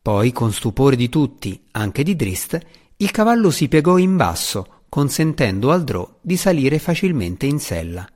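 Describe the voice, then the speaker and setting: Guy reading a fantasy audiobook, super lively intonation, dramatic storyteller vibe. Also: medium pitch, a little slow. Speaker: audiobook narrator. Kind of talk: scripted audiobook narration.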